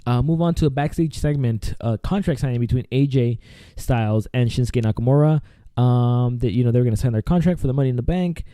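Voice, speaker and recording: A young man co-hosting a wrestling podcast talks in a chatty, eager way, often restarting his sentences. His voice is very dark and mellow. It is recorded dry and close on a desk microphone. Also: mid-range voice, fast talker, few pauses, clear, resonant tone, dry recording. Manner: chatty, enthusiastic, repeats words while thinking. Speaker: podcast co-host. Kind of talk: casual wrestling podcast chat.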